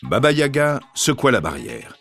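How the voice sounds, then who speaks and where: Male fairy-tale reader, lively pitch, medium voice. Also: normal speed, faint music behind. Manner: expressive storytelling.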